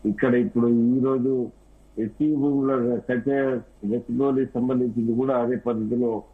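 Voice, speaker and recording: A man speaking as a political analyst in a live news debate, in halting, rambling speech full of fillers and restarts. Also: medium pitch, fairly even intonation, husky. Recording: tinny phone-line audio.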